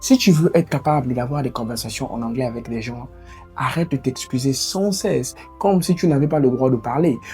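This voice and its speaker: A man's voice: mid-range voice, fairly quick, mellow, faint music behind. A man giving a motivational video lesson, talking straight to the viewer in an encouraging, insistent way. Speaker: online English coach.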